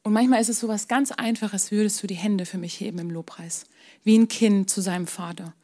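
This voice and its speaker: A woman's voice: medium pitch, steady tone, a little fast. Woman preaching a candid sermon. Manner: personal, candid storytelling with frequent laughs and quiet asides. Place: church service.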